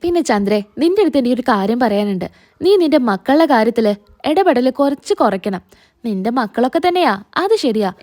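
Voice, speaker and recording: A woman voicing a calm older father giving his wife advice. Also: a little high, a little fast, pitched below the performer's own voice, natural voice. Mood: advising. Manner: calm, advising.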